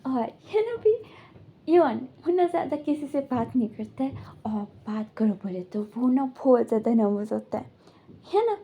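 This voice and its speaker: A woman's voice: sits high, expressive, unhurried, breathy edge, lo-fi sound. A woman casually retelling a fan-fiction story in a chatty way, acting out the dialogue.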